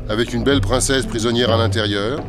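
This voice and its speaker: Male reader doing a territorial storybook dragon, calm, possessive, mid-pitched, music underneath. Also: a little fast, lightly acted. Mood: smug. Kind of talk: storybook character voice.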